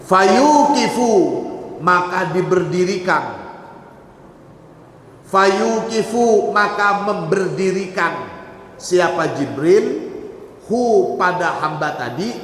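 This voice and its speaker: A man's voice: high-pitched, lively intonation, slow, long pauses, a bit bright, slight background noise. A man teaching a religious text to students, reading out Arabic phrases and explaining each one in turn. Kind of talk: kitab study sermon. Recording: echoey hall with long reverb.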